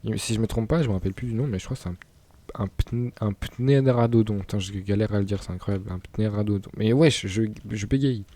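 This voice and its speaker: A young gaming YouTuber casually comments on his gameplay in a lowish, dark, slightly rough voice, talking fast. He's chatty, laughs, and trips over his words.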